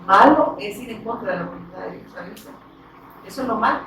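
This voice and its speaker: A woman preaching a sermon who asks her congregation questions and answers them herself, her voice rising loud for emphasis and dropping to soft asides. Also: mid-range voice, lively intonation, fairly quick. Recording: very echoey hall from far off, faint noise.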